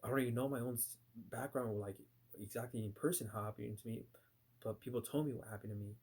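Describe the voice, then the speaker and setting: A man's voice: mid-range voice, fast talker, a little mellow, breathy edge. A man telling a personal story in a casual, rambling way, full of fillers and restarts, sometimes acting out his past reactions. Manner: voices his own past reactions in bursts. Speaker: vlogger recounting a nightmare.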